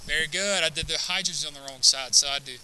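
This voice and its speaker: A man's voice: a little high, quick pace, bright, forceful tone, a little hiss or hum, low-quality recording. A man teaching a chemistry class, lecturing and constantly checking in with students by asking "right?" and "okay?".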